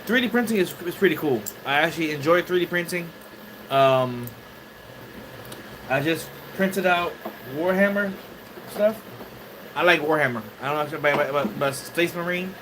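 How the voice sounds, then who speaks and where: Man, casual livestreamer greeting chat from his home studio; halting delivery, voice a bit high, audible room noise. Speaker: 3D printing livestreamer.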